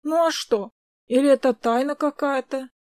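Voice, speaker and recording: A woman's voice: sits high, normal speed, a little mellow, no room sound, lightly acted. Woman reading a mocking, spiteful young woman, audiobook style. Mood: taunting. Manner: sneering, taunting.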